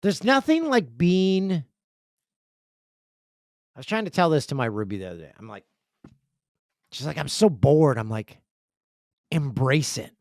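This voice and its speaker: A man with a voice on the high side speaks at normal speed but pauses often, his clean studio recording free of room sound. He hosts a casual podcast indoors in a room with a video setup, reading listener emails and animatedly telling jokey, rambling stories.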